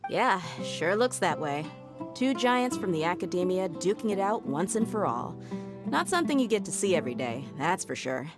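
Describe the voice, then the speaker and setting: A woman's voice: on the low side, big pitch swings, normal speed, over music. Brash, sardonic young mercenary woman. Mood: sardonic, scolding. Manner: sardonic, scolding, blunt. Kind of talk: video game character acting.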